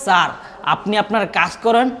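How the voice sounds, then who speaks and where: Man as a scheming servant, high-pitched, deferential, sly. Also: fairly quick, pushed and bright, in a large hall. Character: sly young male servant, obsequious then scheming. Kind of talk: amateur short film acting.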